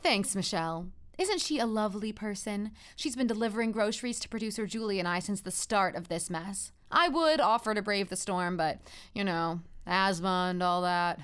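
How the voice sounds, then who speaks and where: A woman plays a female radio host broadcasting after the end of the world in a comedy audio drama. Her voice is clear and mid-pitched. She chats along with wry, self-deprecating humor and an awkward brightness of manner. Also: normal speed, lightly acted. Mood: warm, wry. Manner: wry, awkwardly upbeat, rambling. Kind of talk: scripted comedic radio monologue, chatty.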